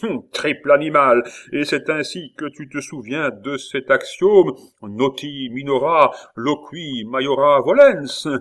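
Brief: scolding elderly priest-tutor, storybook reading, pitched-up loud outbursts, read by a man. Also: slow pace, hardly any pauses. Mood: irate. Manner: scolding, shouting, Latin tags. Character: irate elderly male priest schoolmaster.

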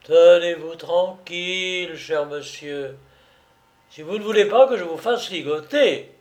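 A smooth-talking gentleman thief, bright-spirited and mockingly courteous, as a man reading a story puts him on. He speaks in a slightly high voice at an unhurried pace. He sounds like a figure in a read-aloud tale. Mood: jovial. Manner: cheerful, mocking politeness.

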